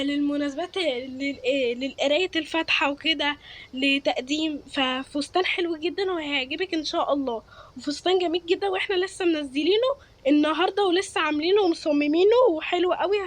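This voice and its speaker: A woman's voice: sits high, natural voice. A woman voicing a welcoming dress shop saleswoman with an Egyptian accent, praising her stock over and over in a game role-play.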